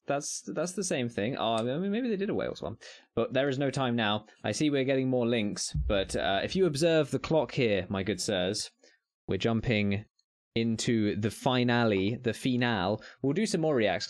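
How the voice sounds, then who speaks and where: Man, live-stream host, lively up-and-down pitch, jokey chatter, stumbling restarts. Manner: animated, jokey, stammering restarts. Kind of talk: casual live-stream reaction chat.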